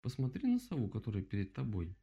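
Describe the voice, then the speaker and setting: Gentle wise she-bear voiced by a man, reassuring, mellow tone, storybook. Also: mid-range voice, wildly swooping pitch, fast, creaky, breathy edge, full character voice. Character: calm, wise, kind female bear.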